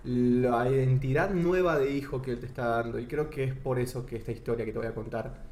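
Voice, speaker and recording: A man's voice: mid-range voice, steady tone, a little fast, a little mellow. Earnest Argentine man in an echoey room. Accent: Argentine Spanish. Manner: earnest, searching for words with many restarts. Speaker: guest giving testimony. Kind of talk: casual conversational testimony. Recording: echoey room with faint background noise.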